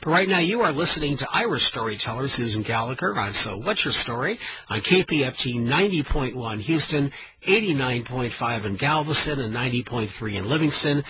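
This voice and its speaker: A man's voice: mid-range voice, animated, brisk, pushed and bright, husky. A man hosting a conversational radio interview, effusive and repeating words for emphasis. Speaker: radio show host. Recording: lo-fi radio sound with noise.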